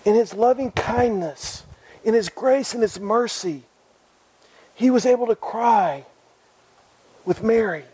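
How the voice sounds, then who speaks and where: A man with a high voice preaches an earnest sermon. He repeats his phrases and puts direct questions to his listeners. The sound is dry and close, with no room echo. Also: takes it slowly, long pauses, mellow, slightly rough.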